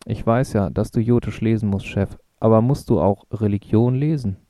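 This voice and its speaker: A man's voice: fairly low pitch, normal speed, warm tone, dry recording, clean studio sound, close to an everyday voice. A man voicing a serious, worried male ecologist in a read-aloud story, speaking matter-of-fact.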